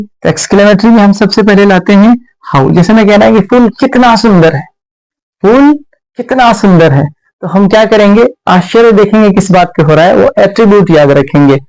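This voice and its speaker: High-voiced Indian man teaching grammar. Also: darkish tone, low-quality recording. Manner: explains step by step, repeats words slowly, often says "friends". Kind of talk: classroom grammar lesson.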